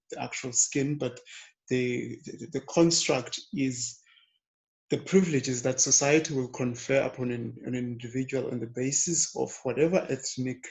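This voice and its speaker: Gravelly South African-raised man on a panel. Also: medium pitch, low-quality recording. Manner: thoughtful, hesitant, many fillers and restarts. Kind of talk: panel discussion talk.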